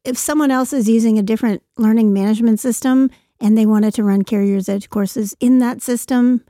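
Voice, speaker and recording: A woman with a fairly high but mellow voice chats as a podcast co-host, laughing easily. The recording is dry and close. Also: steady tone, brisk, no room sound. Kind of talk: casual podcast chat.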